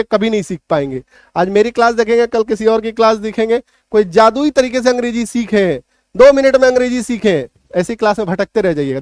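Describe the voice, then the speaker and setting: A man teaching an online spelling lesson in English, emphatic, slowly drawing out example words and checking often that students follow. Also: high voice, no echo, studio quality. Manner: emphatic, repeats key points with rhetorical checks.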